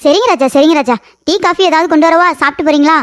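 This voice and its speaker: A woman voicing a sharp-tongued young queen who scolds quickly in a cartoon story. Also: high-pitched, no room sound, clean studio sound. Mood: polite.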